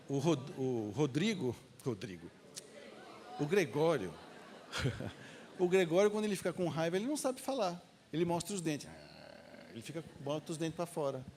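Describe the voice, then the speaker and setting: A man delivers a spiritist talk, his fairly high voice swinging up and down as he jokes and acts out short quoted exchanges. A faint hiss of background noise sits under the recording. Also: darkish tone. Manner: informal, joking, acts out little quoted dialogues. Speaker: lecturer at a spiritist center. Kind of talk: spiritist lecture to a live audience.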